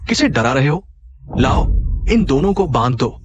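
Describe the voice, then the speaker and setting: A man's voice: medium pitch, big pitch swings, normal speed, dull audio, lightly acted. A man playing a scornful gang boss. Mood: menacing. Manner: commanding, scornful. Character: arrogant gang boss threatening villagers. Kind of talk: Hindi-dubbed short drama.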